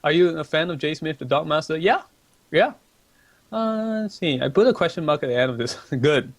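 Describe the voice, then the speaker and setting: This young man from Malaysia runs a casual stream, answering viewer questions he reads off at a desk microphone in a chatty, rambling way. His pitch is fairly high and he's animated, speaking at a normal speed with no echo.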